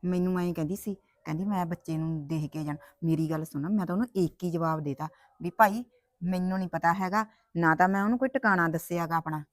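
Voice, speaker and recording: A worried woman, played by an actress with a fairly low voice and a hushed, secretive manner. The recording is dry. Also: fast talker, no room sound, natural voice. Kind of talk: village short-film acting.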